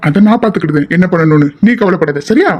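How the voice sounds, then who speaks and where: A man's voice: fairly high pitch, animated, quick pace, breathy edge, highs cut off. A young man voicing male college students in an amateur audio drama, with a confrontational, lecturing manner. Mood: heated.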